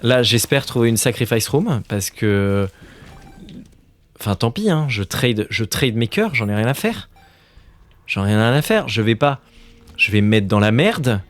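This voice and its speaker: A man's voice: medium pitch, lively intonation, measured pace, long pauses. A man in his thirties streaming a game, exasperated and swearing often, now and then dropping to a muttered whisper. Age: 30s. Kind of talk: casual gameplay commentary.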